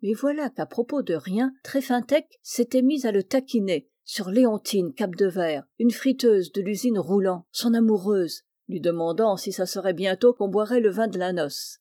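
A woman narrating an audiobook of a classic story with measured, clear storytelling, close to the mic. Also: medium pitch, dark tone, no room sound.

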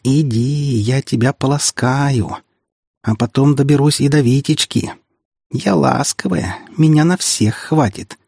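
A man's voice: fairly high pitch, very animated, moderate pace, gravelly, a little mellow, breathy edge, no room sound, clean studio sound, pitched above the performer's own voice, heavily acted. A man reading an audiobook, voicing a feisty red-haired teenage girl who taunts and mocks. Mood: mocking. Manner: taunting, scornful.

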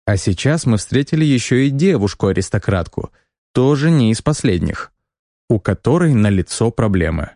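A man reading a first-person fantasy audiobook in a calm, measured, wry manner. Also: medium pitch, dry recording, clean studio sound. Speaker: audiobook narrator.

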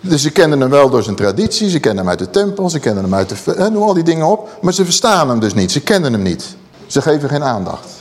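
A man preaching with a lively, rising and falling voice that sits a little high for a man. He often turns to the congregation with questions. His voice rings out with a long reverb in a large hall. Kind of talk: sermon.

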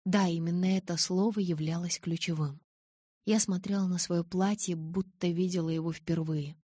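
A woman narrating a novel in the first person, measured and intimate. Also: fairly low pitch, fairly even intonation, mellow, slightly rough, no echo, clean studio sound. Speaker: audiobook narrator.

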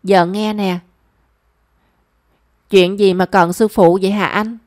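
A woman's voice: medium pitch, fairly even intonation, slow pace, a little mellow, no echo, studio quality, lightly acted. A woman voicing a cheeky, brash young woman who teases her friend. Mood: teasing. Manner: teasing, brash.

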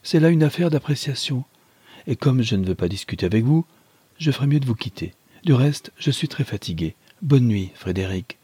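A man voicing a gentle but firm young Englishwoman in a read-aloud novel, his husky voice lifted somewhat higher. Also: animated, normal speed, dry recording. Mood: cool, firm.

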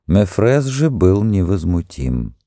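Low mellow guy reading an audiobook, steady and measured, dry close mic. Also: dry recording. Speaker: audiobook narrator. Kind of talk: scripted narration.

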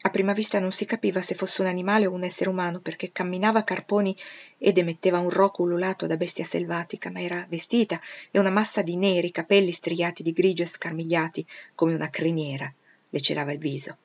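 A woman reading a novel aloud in a steady, expressive narrating voice. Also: fairly low pitch, fast. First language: Italian. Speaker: audiobook reader. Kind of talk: literary reading. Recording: dull lo-fi recording.

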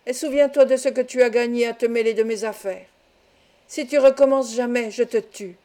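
A woman's voice: a little high, steady tone, normal speed, dark tone, lightly acted. Scheming miserly uncle, read by a woman. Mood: threatening. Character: harsh scheming miserly uncle, middle-aged man.

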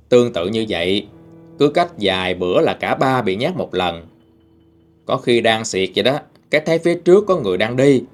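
A man with a Southern Vietnamese accent telling a ghost story in a folksy, lively way, voicing the people in it. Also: mid-range voice. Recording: faint music behind.

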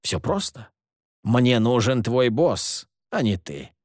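Man voicing sly sardonic schemer, low hissing delivery, lively dry read. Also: slow, no room sound. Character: sly scheming man, mocking, calls others amigo.

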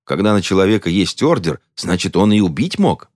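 A man's voice: deep voice, sing-song, brisk, a little mellow, no room sound, studio quality. A man voicing a grumpy older stoker who bickers and blusters. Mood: grumbling.

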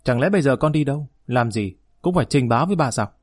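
A sulky grown son talks back quickly and defiantly, as a male audiobook narrator reads him. His voice sits at a middle pitch. The recording is close and dry. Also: animated, no echo, natural voice. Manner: defiant, rapid, whining.

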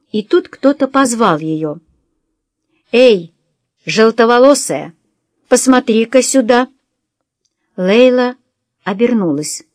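A woman narrating a novel as an audiobook in a calm, even storytelling manner. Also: medium pitch, no echo, studio quality. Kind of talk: scripted narration.

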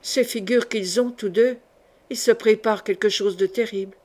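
A woman's voice: mid-range voice, steady tone, moderate pace, a little mellow, lightly acted. Woman reading as a fierce young knight. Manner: fierce, growled declarations. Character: brave, fiery young male knight.

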